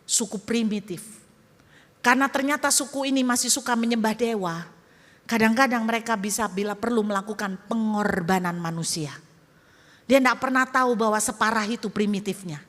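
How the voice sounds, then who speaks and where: A woman pastor preaching in a lively storytelling style, turning often to address her congregation directly. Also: a little high, moderate pace. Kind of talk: storytelling sermon. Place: church hall. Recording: echoey church hall.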